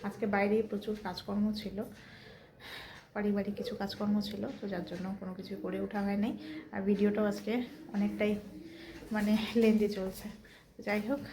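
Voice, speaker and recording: A woman's voice: mid-range voice, gravelly. A young woman in casual vlog narration at home, chatty and talking to her son in doting baby talk. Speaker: family vlogger. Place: family home.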